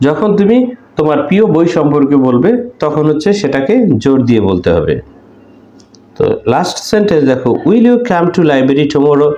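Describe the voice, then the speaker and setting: A man teaches an English textbook lesson, explaining in Bengali and then reading English sentences very slowly, leaning on the stressed words. His voice is mellow and rather high, with a lively, swinging pitch. The recording sounds echoey, like a bare room. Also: highs cut off. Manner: hesitant fillers between phrases.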